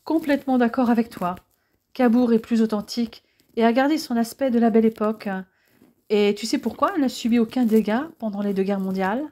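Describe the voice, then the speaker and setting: A woman's voice: on the high side, brisk, darkish tone, close to an everyday voice. A woman reading the lines of an affectionate young woman who loves history, in an audiobook.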